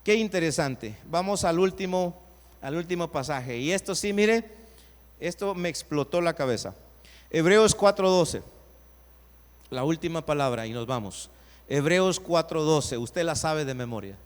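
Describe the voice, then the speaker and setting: A man, a pastor preaching a sermon, putting rhetorical questions to his congregation and swinging between loud emphatic lines and quiet low asides. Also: lively intonation, moderate pace. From Guatemala. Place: church sanctuary. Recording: long reverb of a church hall.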